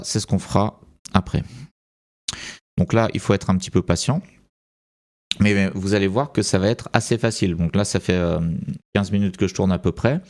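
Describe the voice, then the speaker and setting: A man with a French accent presents a screen-recorded tutorial, thinking out loud and hesitating with plenty of fillers. His voice is low with vocal fry and a little mellow.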